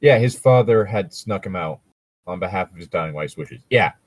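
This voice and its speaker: This low, expressive male voice moves at a moderate pace in a dry recording. He co-hosts a laid-back, irreverent fan fiction read-aloud, trading crude jokes and swearing freely between mock dramatic lines.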